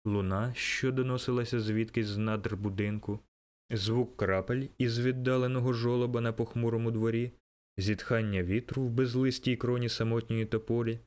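A man narrating an audiobook in a measured, expressive reading. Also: on the low side.

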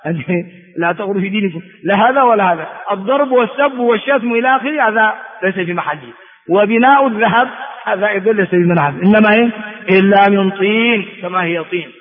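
A man from Ethiopia, a religious scholar teaching a class, who repeats words for his students and asks them quick rhetorical questions. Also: high-pitched. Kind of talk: classroom lecture explaining a text. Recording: phone-like sound with long hall reverb.

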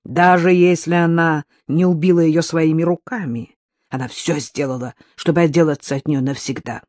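A narrator voicing a bold young woman who mocks and accuses loudly. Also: low voice, fairly even intonation, normal speed, dry recording, studio quality, lightly acted. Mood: accusing. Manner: mocking, accusing, loud. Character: bold mocking young woman, fierce and defiant. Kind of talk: audiobook character voice.

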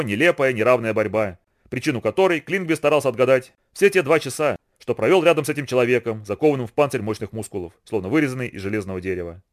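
Male audiobook narrator, fast, lively pitch, expressive read. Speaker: audiobook reader. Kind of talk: scripted narration of a novel.

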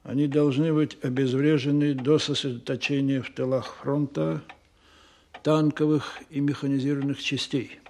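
An actor playing Stalin as a stern, menacing older supreme leader, deliberate and accusatory, in a radio play. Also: male voice, medium pitch, flat delivery, a little mellow, natural voice. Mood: cold demanding. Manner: slow, deliberate, accusatory, repeating questions.

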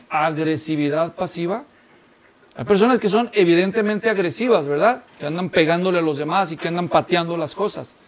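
High-voiced preacher. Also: male voice, gravelly, slight background noise. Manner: animated, keeps asking the congregation "right?". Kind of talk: sermon.

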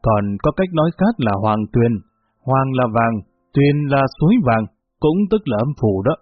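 Man voicing an old grandfather, kindly, patient, husky voice, dry close sound. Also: mid-range voice, lively intonation, moderate pace, no room sound, lightly acted. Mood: patient, amused. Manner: patient, explaining. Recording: phone-like lo-fi, faint music.

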